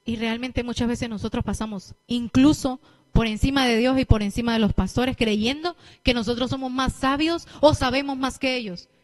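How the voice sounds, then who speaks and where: A young woman preacher with a Latin American Spanish accent, giving a lively sermon and acting out what people say. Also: fairly high pitch, moderate pace. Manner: lively storytelling, acting out quotes.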